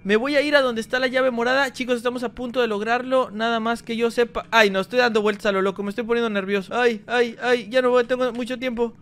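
A man giving energetic gameplay commentary, talking straight to his viewers. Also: very high voice, fast, hardly any pauses, smooth. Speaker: gaming YouTuber.

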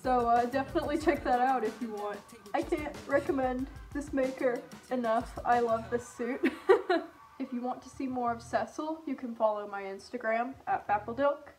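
A woman's voice: fairly high pitch, normal speed, darkish tone. A young woman vlogger chatting casually and gushing with giggles while talking inside a costume head. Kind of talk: casual unboxing vlog. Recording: echoey room with music behind.

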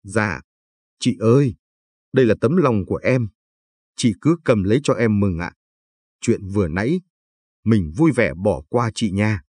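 A man voicing an apologetic, soft-spoken young mother in a read-aloud story, with a husky voice. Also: lowish voice, expressive, unhurried, pauses often, no echo. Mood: polite. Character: well-dressed young mother, polite and pleading.

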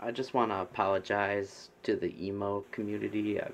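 Streaming from his bedroom, this young man offers joking, casual commentary on his game and keeps looping the same phrases. His pitch is fairly low and his delivery flat, at an ordinary pace. Over dull, lo-fi webcam audio, a faint hiss or hum can be heard.

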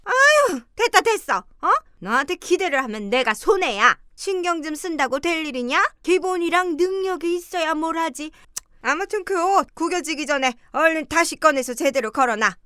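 A woman's voice: very high voice, lively intonation, no room sound, studio quality, heavily acted. A woman voicing a cruel, scornful middle-aged mother-in-law who belittles and snaps in an audio drama. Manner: sneering, belittling, quick to shout.

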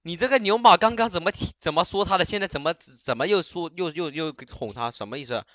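A man in casual voice chat while gaming, teasing and scolding his teammates one moment and gently coaxing a friend the next. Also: fairly high pitch, fast talker, dry recording, muffled recording. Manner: teasing, swings from loud scolding to soft coaxing. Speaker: game streamer comforting a teammate.

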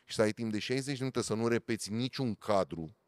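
Man, low voice, animated storyteller, dry close mic. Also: clean tone, no echo. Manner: animated storyteller, swings loud and high for emphasis. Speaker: podcast guest, motorsport commentator. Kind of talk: casual podcast chat.

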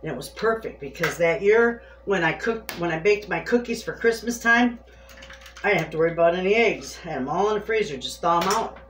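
A homesteading cooking vlogger chats warmly to her viewers while prepping food in her home kitchen, a casual demo full of homey talk. Her voice is fairly low, lively in intonation and a little fast. The kitchen echoes, with clear background noise.

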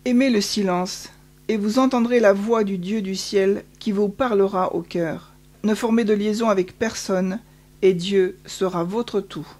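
Une femme qui prête sa voix à un petit garçon rayonnant, doux et consolateur, au ton posé et solennel. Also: female voice, medium pitch, steady tone, measured pace, a little mellow, natural voice. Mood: gentle, consoling. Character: radiant gentle little boy, calm and consoling.

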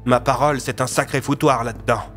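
A man's voice: medium pitch, fairly even intonation, a little fast, a bit bright, faint music behind, lightly acted. An outspoken police inspector with loose, colloquial speech, voiced by a male narrator. The voice stays near the narrator's own, in a storybook audio drama.

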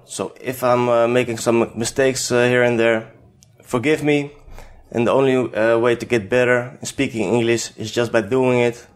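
With a medium-pitched voice and a Dutch accent, a native Dutch-speaking man from the Netherlands hosts a software tutorial. It's unscripted, and he stumbles along hesitantly, filling gaps with fillers.

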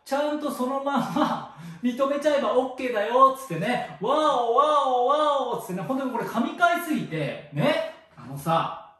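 A man's voice: very high-pitched, lively intonation, moderate pace, distant mic. Playful man in a very echoey room. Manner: playful and jokey, tacks a joking catchphrase onto lines; swings between loud bursts and soft asides. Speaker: spiritual counselor and channel host. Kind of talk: casual solo monologue.

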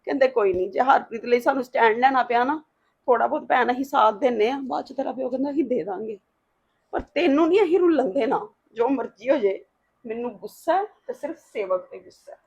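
A woman's voice: on the high side, fairly quick, darkish tone, slightly rough. A woman playing a worried, pleading mother in an emotional family drama. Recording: dull lo-fi sound.

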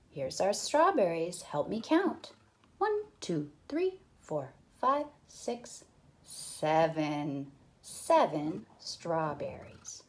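A young woman teacher leads small children through a counting book, drawing out each number very slowly. Her pitch is a little low at rest but swings widely, leaping up in excitement and dropping to playful whispers. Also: slight background noise. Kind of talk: counting read-aloud lesson.

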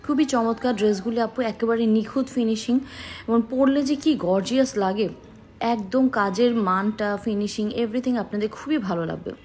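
Her voice sits on the high side with a darkish tone as this thirtysomething boutique owner presents dresses at normal speed. Filming a sales vlog in her small shop, she's enthusiastic and persuasive and addresses viewers as sisters.

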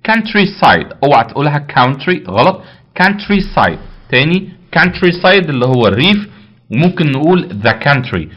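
On a lo-fi recording, a medium-pitched man with an Egyptian Arabic accent runs an English vocabulary lesson. He repeats every word and answers the questions he asks.

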